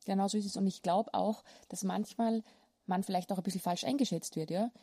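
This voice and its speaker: A woman's voice: medium pitch, fairly even intonation, brisk, mellow, dry recording, clean studio sound. A young Austrian woman hosting a casual podcast chat, blunt and rambling, swearing freely. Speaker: podcast host.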